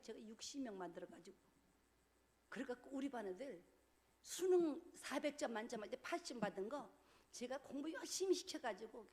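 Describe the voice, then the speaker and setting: A middle-aged woman preaching a lively storytelling sermon in church, acting out dialogue with laughter. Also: fairly high pitch. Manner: animated, acts out dialogue with laughter. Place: church sanctuary.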